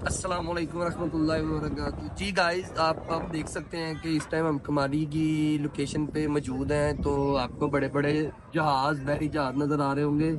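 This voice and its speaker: A young man, his voice pitched a little high and held to a narrow, even melody. He explains what he sees in a measured way as he films a travel vlog on a phone held close. Loud harbour wind and engine noise runs under him. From Pakistan. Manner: measured, explanatory, pious greetings. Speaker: travel vlogger. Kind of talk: outdoor travel vlog narration. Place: outdoor harbour by the water.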